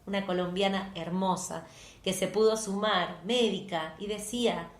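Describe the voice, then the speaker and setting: Argentine woman, therapist guest, expressive talker on a video call, roomy echo. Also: medium pitch, measured pace. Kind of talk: conversational interview over video call.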